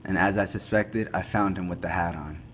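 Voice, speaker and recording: In an amateur student crime drama, a man delivers a scripted monologue as a forensic investigator recounting a murder case, grave and methodical. His low voice moves in a halting, deliberate way with a steady, slightly bright tone, and the mood is grave and suspenseful. Faint noise can be heard behind the recording.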